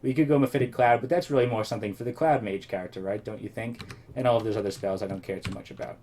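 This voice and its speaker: A let's play host talks casually over his own gameplay, rambling and thinking aloud in a fast, somewhat low, slightly mellow voice. He sounds a little worn, as if he's slightly losing his voice, with a touch of background noise.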